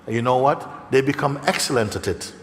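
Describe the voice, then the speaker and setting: A man's voice: medium pitch, a little fast. A man giving a conversational spiritual talk to a live audience. He often checks in with "okay?" and now and then acts out other people's voices. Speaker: spiritual teacher. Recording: long hall reverb, faint background noise.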